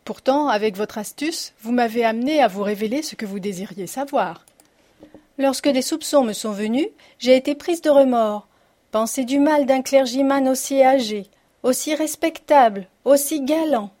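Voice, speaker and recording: A woman's voice: high voice, normal speed, warm tone, lightly acted. A woman voicing a witty, confident woman reading out her farewell letter in an audiobook. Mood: poised.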